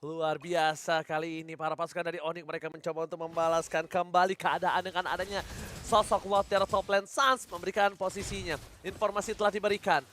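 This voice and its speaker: A man's voice: high voice, flat delivery, brisk, a bit bright. A man with an Indonesian accent doing live play-by-play of an esports match as a hyped fighting game announcer.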